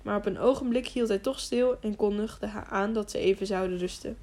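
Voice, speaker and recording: A woman narrating a children's novel as an audiobook, reading in a calm, steady way. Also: medium pitch, brisk. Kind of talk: scripted narration.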